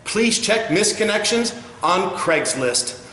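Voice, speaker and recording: Guy doing a crude clown infomercial salesman, mock-sincere, highish voice, echoey with a bit of noise. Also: lively intonation, takes it slowly, bright, forceful tone, heavily acted. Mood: mock-sentimental recital. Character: crude, cynical clown pitchman selling insulting greeting cards. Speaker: comedian in character as a clown. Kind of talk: spoof infomercial sales pitch with recited rhyming card verses. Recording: roomy echo, faint background noise.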